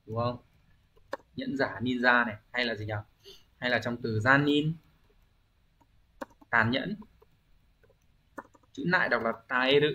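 A man's voice: medium pitch, fairly even intonation, slow, pauses often, sharp tone. Patient man teaching a language lesson. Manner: explains patiently, asking rhetorical check-in questions; thinks aloud with frequent hesitation fillers. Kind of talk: recorded online exam-review lesson.

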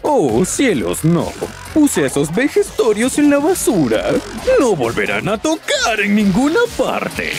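An actor playing a slick, callous band manager in a dubbed cartoon, drawling and dismissive. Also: male voice, sits high, wildly swooping pitch, takes it slowly, over loud music, exaggerated voice. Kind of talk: animated cartoon dubbing.

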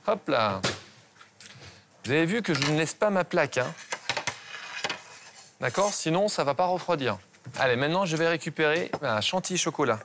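A pastry chef talks viewers through a recipe, brisk and instructive, his voice sitting fairly high for a man. Clatter and clicks of a busy kitchen run behind him. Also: animated, background noise. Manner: instructive, brisk, addresses viewers with "regardez" and "hein". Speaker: pastry chef teaching a master class. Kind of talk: cooking demonstration.

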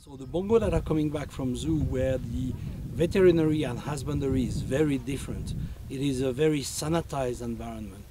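A man's voice: medium pitch, fairly quick. A man explaining in an unscripted interview as a conservation worker. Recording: faint ambient background noise.

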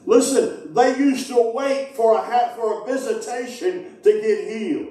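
Middle-aged pastor preaching hard, highish voice, congregation answering back, big echo from across the church. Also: male voice, unhurried, far from the mic. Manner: fervent preaching, calls out to the congregation, shouts "woo". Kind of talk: sermon. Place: church sanctuary, indoors. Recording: echoey church hall from afar. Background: congregation responding.

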